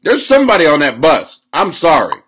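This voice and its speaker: Guy in his 40s ranting on a webcam stream at home, high bright voice, crude and loud. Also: wildly swooping pitch, a little fast, husky. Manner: loud, crude, laughs often, swings from shouting to mumbling. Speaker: live-stream host. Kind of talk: rambling live-stream comedy rant. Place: small room at home, indoors. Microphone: webcam at desk.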